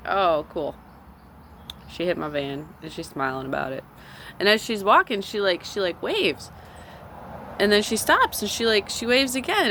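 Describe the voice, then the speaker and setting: A woman's voice: on the low side, background noise. A woman telling a story in a casual video journal while smoking in her parked van, rambling with lots of fillers. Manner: rambling, filler-heavy retelling with many "like"s. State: smoking a cigarette while talking. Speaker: vlogger. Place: sitting in a parked van at a gas station.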